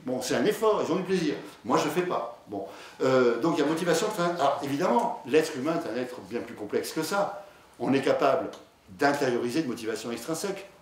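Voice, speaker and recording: A man's voice: medium pitch, animated, brisk. A man, a diabetologist, giving a conversational conference lecture, hesitant with many fillers and restarts, telling patient anecdotes. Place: lecture hall. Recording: echoey hall, distant mic, faint noise.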